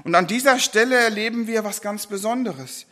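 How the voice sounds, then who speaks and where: A man preaches with a high, bright voice. He retells the story with lively feeling, briefly acting out the people in it in a sermon style. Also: moderate pace.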